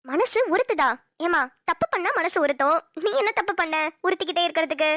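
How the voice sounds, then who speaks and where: A woman's voice: very high voice, expressive, fast talker, a bit bright, no room sound, studio quality. A woman voicing a cheerful, teasing college-age daughter in a cartoon, talking in a chirpy voice. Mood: gentle. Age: young adult. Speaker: voice actor. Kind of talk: cartoon dialogue acting.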